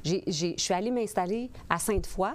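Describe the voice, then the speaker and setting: Speaking at a medium pitch and a brisk pace, a Portneuf, Quebec woman in her forties responds to interview questions as a political candidate. She has a Québécois French accent and comes across as earnest, often hesitating and restarting.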